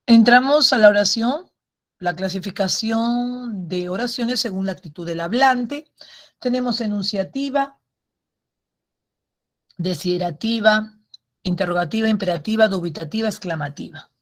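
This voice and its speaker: A woman's voice: medium pitch, moderate pace. Patient woman teacher repeating "¿ok?". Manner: patient, repeats key points with tag questions. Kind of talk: online grammar lesson.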